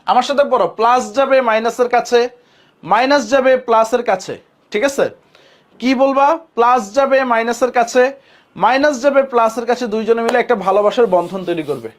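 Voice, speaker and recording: A man. He talks casually and repeats each point. He quizzes the class and then gives the answer himself. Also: high-pitched. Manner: repetitive, asks students questions and answers them; colloquial Bangladeshi speech. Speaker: chemistry teacher. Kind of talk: classroom lecture.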